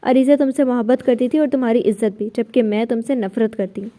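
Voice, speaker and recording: Stubborn young wife talking back, woman doing her lines, dark mellow voice. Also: on the high side, natural voice. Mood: defiant. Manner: defiant, talks back.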